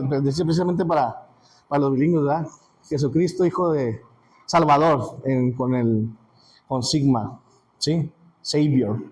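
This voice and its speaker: A man with a Mexican Spanish accent teaching a Sunday school class in a casual, halting way, full of restarts and check-ins with his listeners. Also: on the high side, darkish tone, rough recording.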